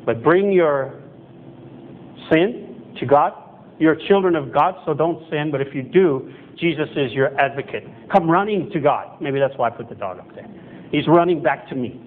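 A middle-aged man delivers a sermon to his chapel in a loose, conversational manner, stopping to correct himself and acting out quoted voices. His voice sits a little high. The recording is thin and phone-like, with a faint hiss underneath. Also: moderate pace. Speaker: pastor. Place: church chapel hall with projector screen, indoors. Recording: tinny phone-like sound with faint noise.

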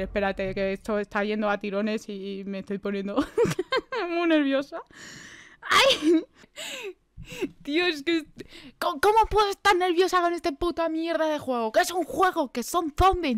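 A young woman with a Spanish accent from Spain commentating live on a horror game she plays, swearing often and talking to the characters on screen. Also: sits high. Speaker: gaming streamer.

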